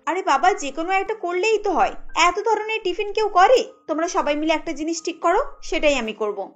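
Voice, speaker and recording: A woman's voice: very high voice, lively intonation, fairly quick, soft background music. A woman doing a weary young daughter-in-law. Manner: tired, complaining under her breath.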